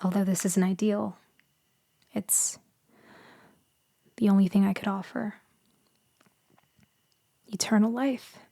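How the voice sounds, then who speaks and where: A woman plays a gentle female vampire comforting someone she has rescued, speaking slowly in a soft, breathy mid-range voice that often sinks to a whisper. Her tone is steady, tender, and reassuring, with hesitant pauses and a gentle, explanatory mood. It's an intimate ASMR roleplay with no room sound.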